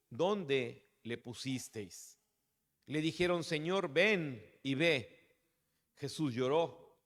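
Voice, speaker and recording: A man with a high, light voice reads scripture aloud and preaches to his congregation, calling them "brother". His voice rings through a church hall with a long reverb tail. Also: a bit bright. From Mexico. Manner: addresses listeners as brother. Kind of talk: sermon with scripture reading.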